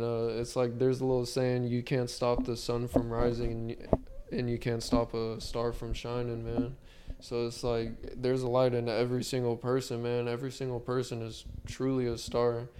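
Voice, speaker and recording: Young man, frat-bro slang, even intonation, smooth mellow voice, earnest casual podcast chat. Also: medium pitch. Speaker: podcast host.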